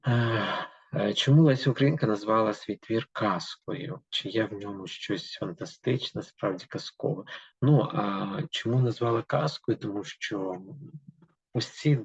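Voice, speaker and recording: A man's voice: fairly low pitch, measured pace, gravelly, slightly rough, no echo. A man teaching a literature lesson who reads a poem aloud with emphasis and then explains it to pupils with many fillers. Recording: dull, lo-fi dry recording.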